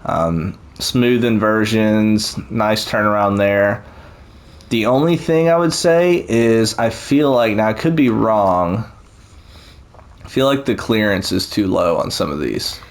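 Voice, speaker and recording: A man's voice: on the low side, takes it slowly, rough recording. A man chatting casually and encouragingly as he tours a theme park build, rambling with fillers. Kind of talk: casual chat over gameplay.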